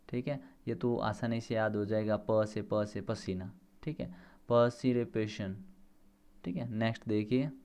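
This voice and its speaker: A man's voice: mid-range voice, a little mellow, smooth. A male teacher with an Indian English accent runs through a vocabulary list, stressing each new word and then explaining it plainly. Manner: spells words out letter by letter.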